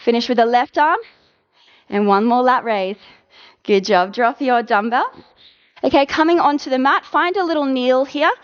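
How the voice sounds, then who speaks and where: Brisk, encouraging woman fitness instructor. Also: high-pitched, clean tone, lo-fi sound. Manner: encouraging, brisk coaching with countdowns. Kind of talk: live workout cueing.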